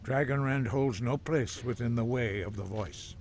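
A solemn old monk from a fantasy game, as a man voices him, with a rough, gravelly texture. He speaks in grave, measured tones, like a stern elder handing down warnings. His pitch stays at an ordinary middle level. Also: a little mellow, a little hiss or hum, lightly acted. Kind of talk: game character dialogue.

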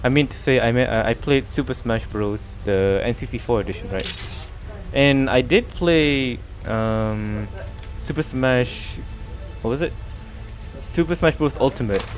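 A male streamer talking casually while he plays, rambling and restarting his sentences as he goes and laughing often. His voice sits in a middle pitch, with faint game music under him. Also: measured pace. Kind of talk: casual let's-play chat.

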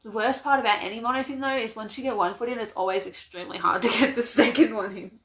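A fast, fairly high and slightly bright female voice belongs to a young Australian vlogger. Casual and rambling, she laughs frequently while unboxing something on a phone live stream from her small, cluttered bedroom, with the phone camera resting on a mug.

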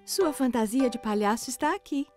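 A woman voicing a gentle, caring young mother in a cartoon. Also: a little high, lively intonation, moderate pace, soft background music, lightly acted. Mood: reassuring.

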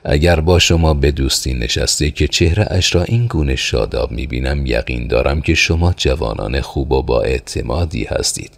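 A man voicing a thoughtful, well-informed young man in an audiobook, explaining things calmly and evenly. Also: extremely low pitch, gravelly, full character voice. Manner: calm, measured explaining.

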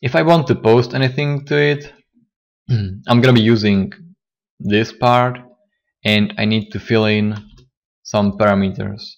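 A man teaching a coding tutorial, a little hoarse and talking haltingly with fillers and restarts. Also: on the low side, steady tone, lo-fi sound. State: slightly hoarse, losing his voice. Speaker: programming tutor. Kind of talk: screen-recorded coding tutorial.

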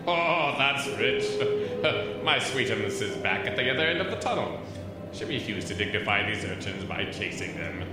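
A pompous old gentleman in an audio drama, speaking with haughty formality and indignation. His pitch moves widely, with heavy echo and music underneath. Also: sing-song, normal speed. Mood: dismissive.

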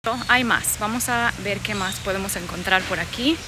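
A woman's voice: mid-range voice, moderate pace. A woman in her thirties from Bolivia, chatting casually on a live stream while walking through a garden and greeting viewers with a phone at arm's length. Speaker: vlogger hosting a live stream. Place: outdoor garden with birds. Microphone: phone held at arm's length. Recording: noisy outdoor phone recording. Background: birds and outdoor ambience.

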